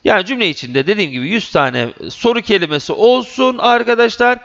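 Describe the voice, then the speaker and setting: A man's voice: sits high, lively intonation, a little fast, vocal fry, a bit bright. A man teaching a grammar lesson for exam preparation, emphatic and repeating key points to his students. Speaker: Turkish teacher. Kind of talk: exam prep grammar lecture. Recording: dull lo-fi recording.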